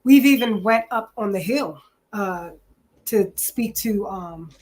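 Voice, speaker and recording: A woman's voice: medium pitch, animated, slow pace, darkish tone. A woman in her forties from New Jersey, introducing herself in a casual interview, chatty and full of ums. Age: 40s. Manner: chatty, many ums, says "literally" often. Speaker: guest.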